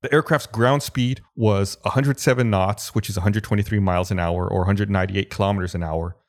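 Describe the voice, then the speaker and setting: Low-voiced man explaining a case methodically. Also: brisk. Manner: methodical, explanatory, steady retelling. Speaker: podcast co-host presenting the case. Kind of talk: casual podcast chat, narrating an aviation accident.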